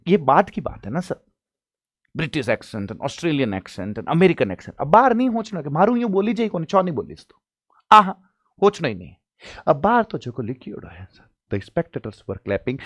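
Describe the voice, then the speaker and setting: A man's voice: fairly high pitch, big pitch swings, normal speed, no room sound, studio quality. A young man teaching an English class for exam prep, acting out his students' questions and then answering them himself.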